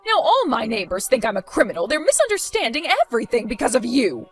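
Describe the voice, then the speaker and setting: A woman's voice: a little high, very animated, fast, soft background music. A woman voicing a spiteful older mother-in-law in a dramatized story, protesting indignantly.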